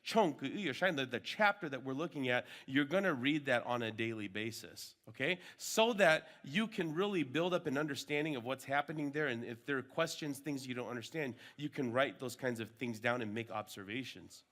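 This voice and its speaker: A man's voice: mid-range voice, lively intonation, moderate pace, hardly any pauses, fairly bright tone. A man teaching a workshop group informally, often checking in with short tags and sometimes switching languages. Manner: switches between English and Hmong mid-talk; frequent check-in tags like okay and right. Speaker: workshop trainer teaching Bible discipleship.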